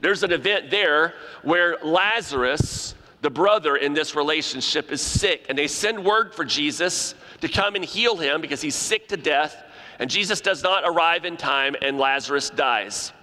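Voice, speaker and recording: A man's voice: on the high side, moderate pace, sharp tone. A man delivering a sermon, emphatic and repeating key phrases for stress. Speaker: preacher. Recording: reverberant hall.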